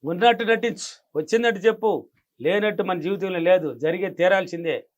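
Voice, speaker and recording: A man's voice: sits high, a little fast. A man giving emphatic money-affirmation advice in an interview, repeating his key phrases. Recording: dull lo-fi sound.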